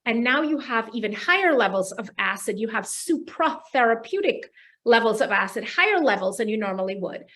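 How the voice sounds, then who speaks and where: A woman gastroenterologist answering viewer questions on a live video stream, explaining medical terms in an animated, friendly way. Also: fairly high pitch, a little fast. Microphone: video call.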